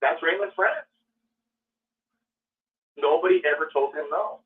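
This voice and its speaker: A man's voice: a little high, measured pace. A man calling in to a chat show, talking in an emphatic, rambling way. His voice sounds muffled, as if heard through a wall. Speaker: caller. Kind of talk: casual phone-in chat. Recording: muffled, distant, dull phone line.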